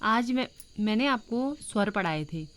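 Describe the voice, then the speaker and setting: A woman with a fairly high voice teaches a grammar lesson the way she would in class. She is patient, goes over each point more than once and checks that her listeners follow. She stretches out vowel sounds slowly to demonstrate them. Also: lively intonation. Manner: patient, repeats points and asks checking questions.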